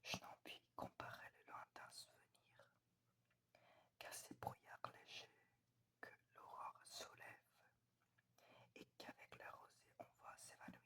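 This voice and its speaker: A woman giving a whispered ASMR poetry reading, soft, breathy and quiet as if late at night, reciting deliberately with pauses. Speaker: reader of poetry.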